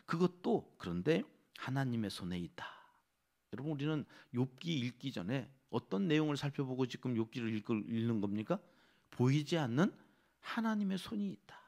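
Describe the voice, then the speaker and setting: A male pastor preaching an early-morning sermon in a church. He is animated and keeps asking the congregation questions. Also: medium pitch, normal speed.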